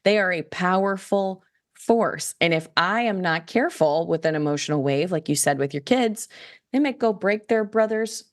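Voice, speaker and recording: Podcast guest, female, low register, lively storyteller who slips into quoted voices mid-sentence. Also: normal speed. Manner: animated, acts out quoted voices, many "like, you know" fillers. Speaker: guest, children's book author. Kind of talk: casual podcast conversation.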